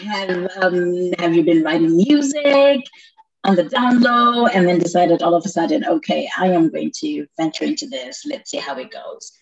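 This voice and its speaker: A woman's voice: on the low side, animated, normal speed, gravelly, crowd noise. A woman from Zimbabwe hosting a radio interview, chatting in a bubbly, playful way with frequent laughs. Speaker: radio show host. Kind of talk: casual interview chat. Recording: dull lo-fi sound.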